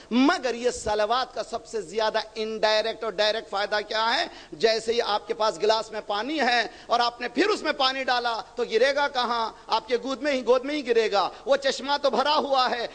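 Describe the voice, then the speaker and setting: A man with a strikingly high voice preaches an impassioned sermon. He keeps throwing rhetorical questions at his listeners and pushes up into shouts. His voice rings with the long reverb of a big hall.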